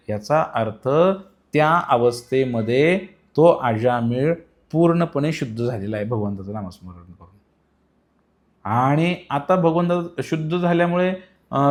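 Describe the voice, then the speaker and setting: A man giving a devotional sermon in a storytelling style. He explains patiently and rises in pitch and volume for emphasis. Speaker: devotional preacher.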